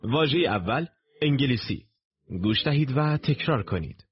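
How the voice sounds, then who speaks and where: A man narrating a recorded language course in slow, deliberate, instructive steps. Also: mid-range voice, expressive. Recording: dull lo-fi tape recording.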